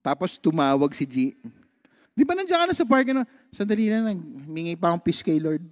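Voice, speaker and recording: Speaking briskly in a fairly high voice, a Filipino-accented male pastor tells a personal story during his sermon. His storytelling is animated, and he moves freely between Tagalog and English.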